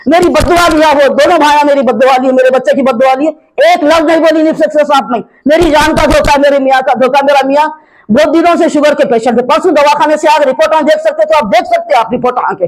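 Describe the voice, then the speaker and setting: A woman's voice: sits high, low-quality recording. An older woman from Hyderabad speaks in a Hyderabadi Urdu accent. She is tearful, and her plea is emotional and repetitive, circling back to the same appeals. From Hyderabad, India. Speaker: complainant speaking to a news reporter. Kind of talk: impassioned pleading statement.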